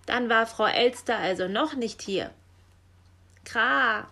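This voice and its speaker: A woman voicing a stern, bossy male raven official in a children's story, gruff and commanding, squawking "Kra" between sentences. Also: a little high, slow pace, bright, forceful tone, full character voice.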